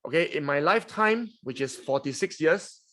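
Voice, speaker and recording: Singaporean man, 40s, webinar host, slightly high voice, teasing, chatty. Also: animated, moderate pace, fairly bright tone. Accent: Singaporean English. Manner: chatty, teasing, frequent "okay?" and "huh?". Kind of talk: lively finance webinar talk.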